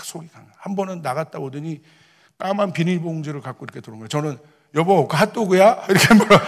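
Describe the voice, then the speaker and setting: A middle-aged male pastor preaching a sermon, telling personal stories and moving from hushed asides to shouted proclamation. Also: fairly high pitch, long reverb tail.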